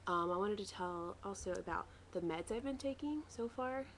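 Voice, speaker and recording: A woman's voice: medium pitch, animated, normal speed, fairly bright tone, slight background noise. A woman talking casually and matter-of-factly in a rambling personal video diary, recorded at home. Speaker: vlogger sharing a weight-loss surgery recovery diary.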